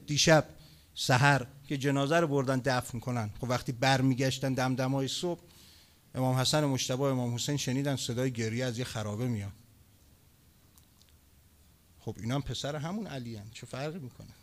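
A man preaching a mourning sermon, telling stories to the congregation and swinging between loud exclamation and hushed lament. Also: medium pitch. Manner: addresses the congregation directly.

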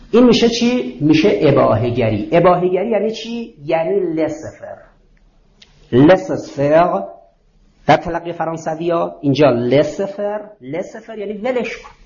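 A man's voice: high-pitched, a little mellow, highs cut off. A man giving an ideological lecture to students, asking rhetorical questions and answering them himself.

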